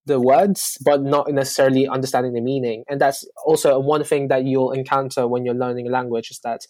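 A man in a casual chat about learning languages, talking with many pauses, ums and restarts. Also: medium pitch, level tone, dark tone, dry recording. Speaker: guest on a language-learning discussion.

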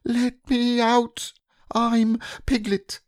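Piglet, a squeaky panicky little pig. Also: male voice, little pitch movement, drawn-out words, exaggerated voice. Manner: anxious, spluttering, indignant. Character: tiny timid squeaky male piglet.

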